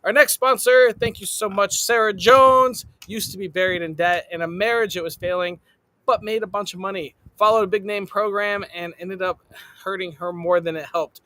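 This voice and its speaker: Male podcast host, emphatic; high and bright voice. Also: fairly even intonation, normal speed, no echo. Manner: upbeat, emphatic announcer delivery. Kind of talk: podcast host reading sponsor shout-outs.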